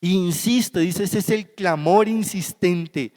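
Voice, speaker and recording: A man's voice: high voice, slow, darkish tone. A man with a Colombian Spanish accent preaching a sermon as pastor, emphatic and repetitive in his delivery. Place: church sanctuary. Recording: long church hall reverb.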